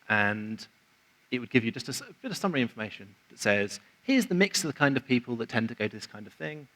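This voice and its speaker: Bright-voiced man giving a conference talk. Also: mid-range voice, low-quality recording. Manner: conversational, explanatory, quotes others in acted asides. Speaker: conference speaker. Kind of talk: conference presentation. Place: conference venue.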